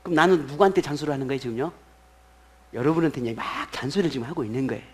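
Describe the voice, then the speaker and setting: A pastor preaching a sermon in a church. He is animated, swings between loud bursts and soft asides, and keeps asking the congregation questions that he then answers himself. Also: mid-range voice, racing, husky.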